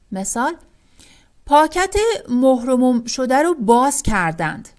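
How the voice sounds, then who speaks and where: A woman teaching English vocabulary, who reads each English example sentence very slowly and then explains it at a brisk pace. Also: fairly high pitch, a little mellow. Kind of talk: vocabulary lesson.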